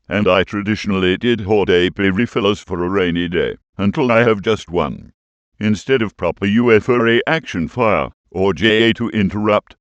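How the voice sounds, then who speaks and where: A man's voice: lowish voice, no room sound, dull audio. An old-fashioned synthetic male text-to-speech voice reading a scripted review in a stilted, robotic way. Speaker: game reviewer.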